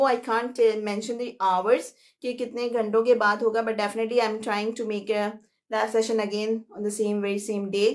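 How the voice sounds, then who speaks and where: A young woman from Pakistan teaches a live online lesson. Her voice is high and she speaks unhurriedly. She explains step by step and moves between Hindi-Urdu and English.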